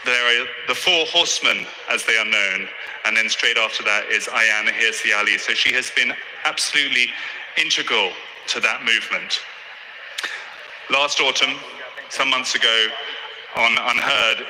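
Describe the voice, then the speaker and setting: A man's voice: mid-range voice, pushed and bright, roomy sound, slight background noise, poor audio. A man hosting a live stage event, giving a formal, earnest introduction and moderating the conversation. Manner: polished, earnest presenter. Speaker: host and moderator.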